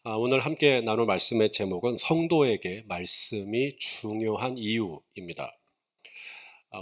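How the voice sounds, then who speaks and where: A pastor preaches a sermon to his congregation, first chatting and asking questions, then building to emphatic points. His voice is fairly low in pitch, pushed and bright.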